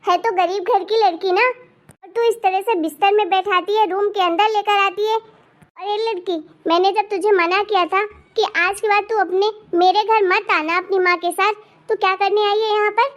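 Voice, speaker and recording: A woman voicing a haughty old grandmother in an animated cartoon, scolding harshly and with contempt. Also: very high voice, normal speed.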